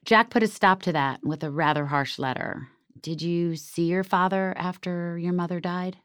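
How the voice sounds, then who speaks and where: Deep-voiced woman interviewer, dry close sound. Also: normal speed, a bit bright, clear, resonant tone, no room sound. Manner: earnest and empathetic. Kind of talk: interview questions.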